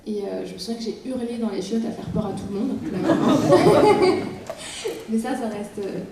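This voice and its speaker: A woman's voice: mid-range voice, fast, warm tone, slight background noise. Woman speaking from far in an echoey hall. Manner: hesitant, many fillers. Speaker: actress guest. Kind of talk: festival panel talk. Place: large hall.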